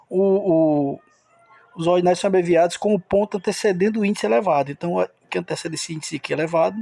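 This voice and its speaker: A man's voice: sits high, vocal fry, mellow, no room sound. A man teaching a recorded grammar lesson, explaining step by step and checking in with the listener.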